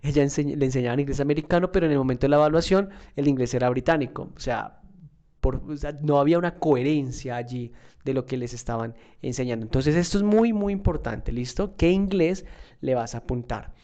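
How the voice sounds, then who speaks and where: A male English teacher with a medium-pitched, dark voice gives a casual spoken lesson, explaining things in a measured, conversational way. He often checks in with "¿listo?" and "¿verdad?" and uses fillers and restarts. The recording's high frequencies are cut off.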